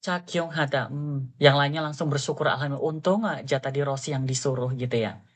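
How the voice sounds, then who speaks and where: A woman's voice: extremely low pitch, a little fast. A woman teaching Korean pronunciation, firmly correcting her students as she drills them. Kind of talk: online Korean lesson in Indonesian.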